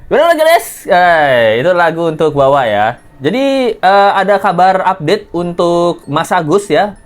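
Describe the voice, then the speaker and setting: A man's voice: sits high, very animated, measured pace. A man hosting a casual gossip reaction commentary, teasing and laughing often as he jokes. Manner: mocking, laughs often, jokey wordplay. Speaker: commentary host.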